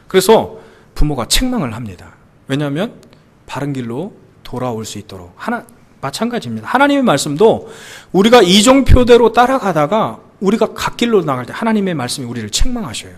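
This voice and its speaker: A man's voice: fairly high pitch, very animated, fairly quick. A man in his thirties preaching a sermon in a church, asking the congregation questions and telling stories about his young sons. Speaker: pastor. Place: church sanctuary.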